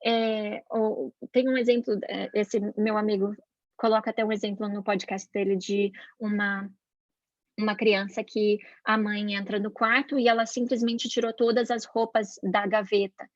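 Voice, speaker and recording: This adult parent, a Montessori educator with a Brazilian Portuguese accent, speaks in a medium-pitched, level voice at a moderate pace. Her relaxed talk on child-rearing is chatty, with quoted voices acted out and frequent "né?" tags. The audio is dull, with no room sound.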